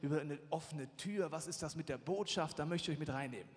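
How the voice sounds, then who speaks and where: A man preaching a humorous sermon, telling a personal story in an animated way and acting out the scenes, sometimes shouting. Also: fairly high pitch, fast talker, big-room sound.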